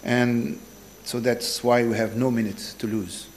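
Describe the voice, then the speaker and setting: A man giving a partly improvised public speech, halting and often repeating his words. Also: mid-range voice, steady tone. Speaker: seminar speaker.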